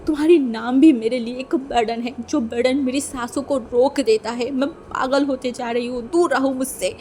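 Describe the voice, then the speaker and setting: A woman voicing a poor, hurt young man in a storybook reading, shouting and pleading, stammering when frightened. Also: a little high, little pitch movement, moderate pace, slight background noise, lightly acted. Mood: angry shouting.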